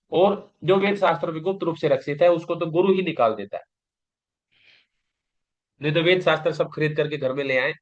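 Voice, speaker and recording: A man teaching a recorded yoga exam-prep lecture, explaining patiently and often asking and answering his own questions. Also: a little high. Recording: dull lo-fi class recording.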